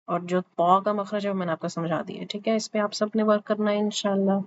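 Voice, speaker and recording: A woman's voice: medium pitch, little pitch movement. Patient woman teaching Quran letter sounds. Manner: patient, repeats sounds for students to copy. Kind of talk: online class lesson. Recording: slightly dull lo-fi audio with faint background hiss.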